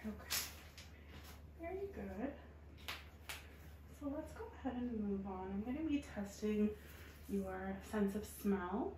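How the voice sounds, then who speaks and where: A woman doing a soft-spoken ASMR role-play as a medical examiner, calm, reassuring and procedural. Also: medium pitch, slow, pauses often. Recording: roomy echo, faint background noise.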